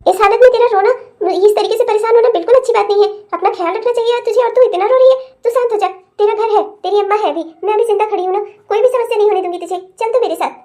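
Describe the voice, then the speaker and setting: Brief: woman playing a protective cartoon mother, very high, mellow, firm. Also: rapid-fire, few pauses. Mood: comforting. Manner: soothing, firm. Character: caring older mother, protective.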